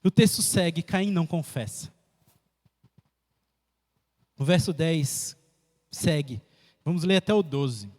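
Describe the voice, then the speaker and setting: A man preaching a church sermon, emphatic and repetitive, with sharp swings in pitch. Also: lively intonation, takes it slowly, long pauses. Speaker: pastor. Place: church sanctuary. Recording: echoey church hall.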